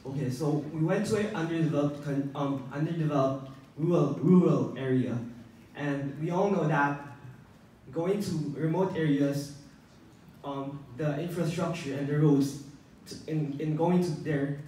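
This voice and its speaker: A teenage boy from Taiwan, a native Mandarin speaker, presenting a student contest pitch in English. He talks haltingly, with many restarts. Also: mellow, slight background noise. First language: Mandarin Chinese. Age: teens. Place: conference hall, indoors. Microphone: handheld mic, filmed by a far phone camera. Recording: echoey hall from far off.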